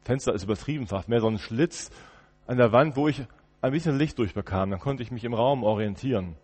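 A male preacher telling a story in the first person during a service, turning from loud outbursts to hushed murmurs. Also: medium pitch, fairly quick, breathy edge, long reverb tail. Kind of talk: first-person dramatic sermon monologue. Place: church.

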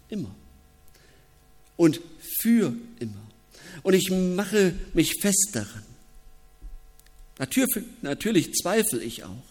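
A man preaching a reflective, personal sermon as pastor, with thoughtful pauses. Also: fairly high pitch. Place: church. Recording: long reverb of a church.

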